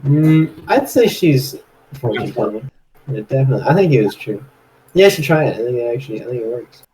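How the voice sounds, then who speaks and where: A man's voice: mid-range voice, sing-song, fairly quick, mellow, rough recording. A man playing a tabletop game, chatting casually in a hesitant, musing way. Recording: clear background ambient noise.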